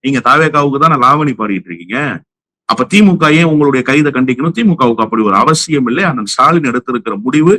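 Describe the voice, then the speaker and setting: A man's voice: medium pitch, expressive, quick pace, bright, forceful tone, no echo. Combative man firing rhetorical questions. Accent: Tamil. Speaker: political commentator guest. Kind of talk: heated political commentary.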